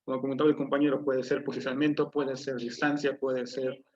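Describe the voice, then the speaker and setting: A man's voice: medium pitch, flat delivery, fairly quick, a little mellow. A man teaching an online class, explaining step by step and putting questions to his students. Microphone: low-quality computer mic. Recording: dull lo-fi mic audio.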